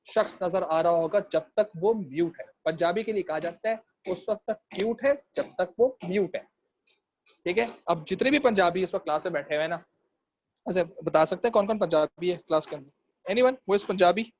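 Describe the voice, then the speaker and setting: A man's voice: high voice, a little mellow, lo-fi sound, slight background noise. A man from Pakistan with a Karachi Urdu accent, lecturing an online class in a chatty, joking way. He mixes English into his Urdu and keeps dropping fillers. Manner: repeats fillers. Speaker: teacher.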